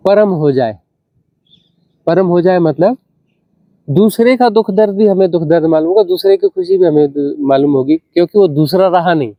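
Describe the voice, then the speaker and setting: A man, a spiritual teacher, gives an unhurried discourse, repeating phrases for emphasis and asking rhetorical questions. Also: fairly high pitch, no room sound, lo-fi sound.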